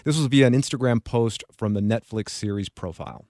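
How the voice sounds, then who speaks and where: A man's voice: medium pitch, brisk, a little mellow, no echo, clean studio sound. A man hosting a public radio show, introducing a guest and asking conversational questions.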